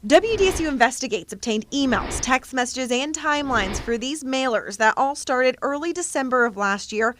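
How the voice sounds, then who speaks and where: A woman's voice: high-pitched, lively intonation, moderate pace, few pauses, a bit bright, a little hiss or hum. An American woman reporter narrating a scripted investigative news exposé for television.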